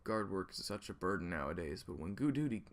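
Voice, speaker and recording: A hobby comic reader voicing a weary town guard in a low, gruff, put-upon drawl. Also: big pitch swings, fast. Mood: grumbling. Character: grumbling tired town guard. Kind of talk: hobby webcomic reading.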